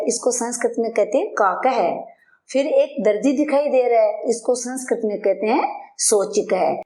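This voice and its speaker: A woman's voice: fairly high pitch, darkish tone. Patient woman teacher in an echoey room. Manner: slow, patient word-by-word explanation. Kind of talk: explaining a school lesson. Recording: roomy, echoey voice-over.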